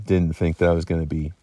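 A man's voice: deep voice, vocal fry, no room sound. A tired man talking casually on a hunting vlog at his mountain camp at night, with many ums and yawns. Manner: relaxed, rambling, many ums and restarts. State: tired, yawning. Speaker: hunter vlogger.

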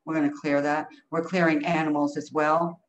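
A woman guides an energy healing session in short, incantatory phrases, often repeating her commands. Her pitch stays fairly flat and sits mid-range. The call audio is lo-fi, with faint noise behind her. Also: moderate pace. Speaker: energy healer leading a group healing call.

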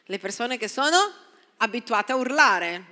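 Bright-voiced woman preaching in a hall. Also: animated, normal speed. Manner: preaching with call-and-response "Amen?" to the congregation; swings from soft, low asides to loud, emphatic lines. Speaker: pastor. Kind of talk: sermon. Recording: long reverb of a large hall.

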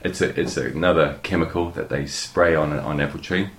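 A man's voice: rumbling low, steady tone, fairly quick, fairly bright tone. A middle-aged man with a New Zealand accent, a guest chatting hesitantly with many fillers and restarts. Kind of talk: casual interview talk.

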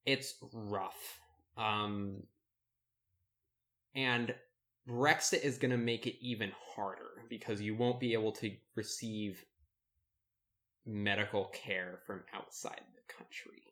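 Low-voiced man giving casual advice. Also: slow pace, pauses often. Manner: relaxed, many fillers and restarts. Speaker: podcast co-host.

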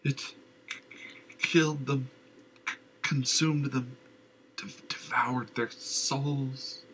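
A man voicing a haunted, raving madman who leaps between shrill cries and rasping whispers. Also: sing-song, takes it slowly, sharp tone, a little hiss or hum, exaggerated voice, poor audio. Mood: shaken. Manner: wild cackling ravings, drops to rasping whispers. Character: raving mad old man, haunted and twitchy.

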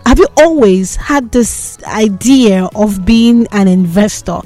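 A woman's voice: medium pitch, slow, mellow, faint music behind. A woman hosting a podcast interview in an informal, conversational way, checking in with "right?". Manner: informal, often adds "right?". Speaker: podcast host.

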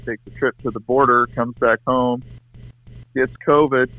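A man's voice: medium pitch, little pitch movement, unhurried, sharp tone, poor audio. A middle-aged man co-hosting a casual political chat, giving emphatic opinions in a conversational way. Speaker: co-host.

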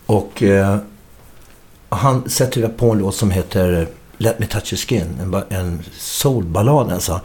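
Lively middle-aged man telling stories. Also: low-pitched. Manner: animated anecdote-telling, acting out quoted dialogue, casual swearing. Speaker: musician guest. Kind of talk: casual storytelling interview.

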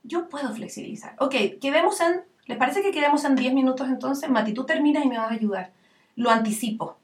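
Animated Chilean woman in a roomy echo. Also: sits high, fast. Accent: Chilean Spanish. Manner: animated, acts out scenes with lively voices. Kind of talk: casual parenting advice chat. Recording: roomy echo, distant mic.

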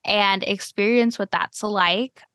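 A woman's voice: medium pitch, fairly even intonation, slow pace, a bit bright, no echo, clean studio sound. A woman from Cleveland, Ohio, hosting a podcast in a casual chat, friendly and full of "you know" fillers. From Cleveland, Ohio, USA. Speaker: podcast host.

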